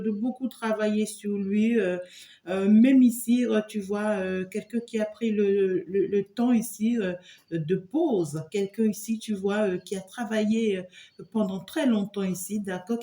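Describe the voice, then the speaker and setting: A tarot reader and medium with a warm, mid-range voice gives a spoken reading for the viewer in an echoey room with a little hiss or hum. She rambles loosely, full of filler words and repeated "here," and keeps checking that the listener is following.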